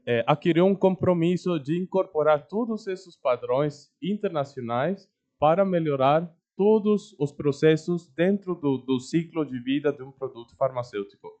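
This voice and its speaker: A man gives an informal public address, halting often and repeating words. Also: mid-range voice, a little mellow. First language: Spanish. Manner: halting, with repeated words and long hesitation sounds. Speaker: guest speaker at an official training event. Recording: dull, muffled event audio.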